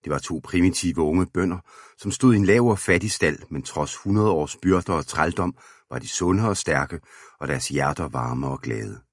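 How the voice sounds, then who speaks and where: Male audiobook narrator, steady storytelling, extremely low and husky. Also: no room sound, clean studio sound. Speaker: audiobook reader.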